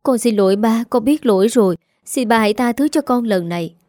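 A woman's voice: on the high side, brisk, mellow, no room sound, close to an everyday voice. Storybook daughter, young and remorseful, pleading, read by a woman in her own voice, dry close sound. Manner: pleading, apologetic.

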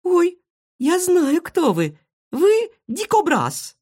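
A storybook reader voicing an excitable young female guinea pig who squeals and exclaims. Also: high voice, normal speed, pitched above the performer's own voice. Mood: excited. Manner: squealing, exclaiming, breathless delivery.

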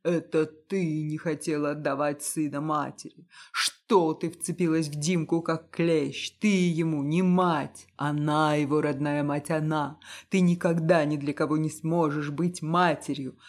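A woman reading as an enraged husband stuck in bed, hurling tearful accusations in a dropped, loud voice. It is a storybook reading with harsh, bitter lines. He sounds broken but spiteful. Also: deep voice, unhurried, few pauses, voice pushed down. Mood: furious. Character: bedridden, bitter, furious husband, male adult.

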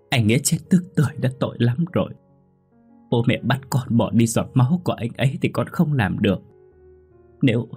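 A man's voice: lowish voice, a little mellow, breathy edge. A man voicing a young grieving pregnant village woman, begging through tears. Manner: tearful pleading.

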